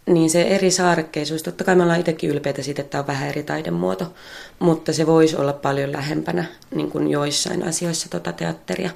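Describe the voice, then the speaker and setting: A woman's voice: sits low, vocal fry, darkish tone. A woman who works as a puppet theatre artist, answering interview questions while thinking aloud, restarting and repeating words.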